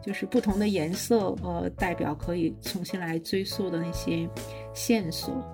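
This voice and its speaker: A middle-aged woman professor, a podcast guest, explaining her habits in a measured, step-by-step way. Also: lowish voice, music in the background. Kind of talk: casual chat.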